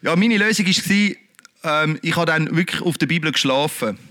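High-voiced preacher. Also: male voice, moderate pace. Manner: lively, conversational preaching with rhetorical questions. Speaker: pastor. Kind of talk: sermon.

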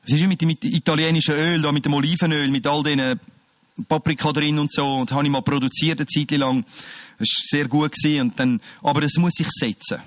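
High-voiced emphatic preacher. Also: male voice, fairly even intonation, fairly quick, no room sound. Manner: emphatic, swings from shouting to quiet. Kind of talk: sermon.

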